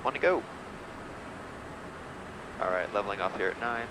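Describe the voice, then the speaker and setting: A man flying as pilot, speaking through a cockpit headset mic and giving brisk procedural checklist callouts and radio calls. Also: fairly low pitch. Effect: pilot talking over a cockpit headset mic. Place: small jet cockpit in flight. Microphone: aviation headset. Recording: loud engine noise in cockpit.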